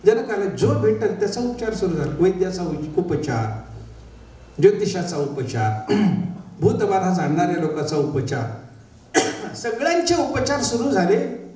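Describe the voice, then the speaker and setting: A man telling a devotional story as a sermon. He tells it in a lively way, with many rhetorical questions and bits of humor. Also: high-pitched, measured pace. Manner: animated storytelling, rhetorical questions, voices quotes, light humor. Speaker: spiritual storyteller. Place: large devotional gathering hall. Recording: echoey hall, far from mic, faint noise.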